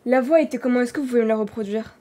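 A woman with a French accent, a streamer doing live game role-play, talking in an animated and dramatic way. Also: fairly high pitch. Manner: animated, dramatic, quick swings in loudness.

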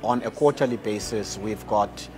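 A man in his forties, an archbishop, talking in a measured, earnest way and building his points with repeated phrases, on a lapel mic in a large hall. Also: fairly low pitch. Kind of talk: reflective interview monologue. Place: large indoor hall with tall windows. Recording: interview with music underneath.

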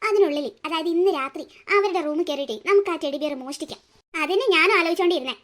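This is a clever young girl from a cartoon story who stands up for her little brother, as a woman acts her out. She sounds indignant and sharp, with a very high, bright voice. She talks fast. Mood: plotting. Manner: indignant, plotting. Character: bold clever young girl, protective big sister. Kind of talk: cartoon voice acting.

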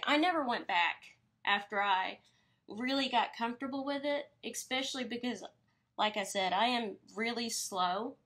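A woman's voice: on the high side, fairly bright tone. A young woman painter chatting casually during a live studio stream, rambling a little and laughing easily, recorded on her phone in her studio. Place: her art studio, indoors.

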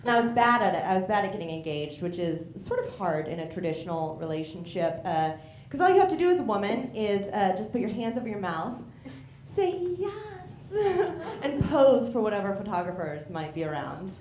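A young woman from the American Midwest performing a stand-up comedy set, acting out both sides of her arguments and jumping into shrill outbursts. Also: very animated, fairly quick, slight background noise. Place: comedy theater stage before a live audience. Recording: echoey room, loud audience laughter.

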